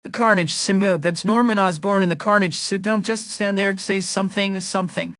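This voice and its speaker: A young comic-dub superhero, acted by a man, with a high voice in a very dry recording. He quips and thinks aloud with earnest urgency. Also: fairly even intonation, a little fast, fairly bright tone, no echo. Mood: urgent, strained. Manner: quippy, urgent, self-narrating. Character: young wisecracking male superhero, earnest and strained.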